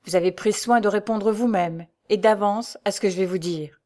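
A woman reading the part of an elderly male doctor, grave and sorrowful, with measured, somber replies. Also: medium pitch, darkish tone, natural voice.

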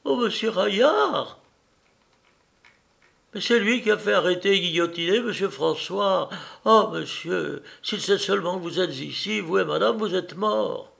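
A man's voice: animated, unhurried, creaky, fairly bright tone, full character voice. Man doing a frightened old spinster. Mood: horrified. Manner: high, anguished exclamations. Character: frightened old spinster landlady, village gossip.

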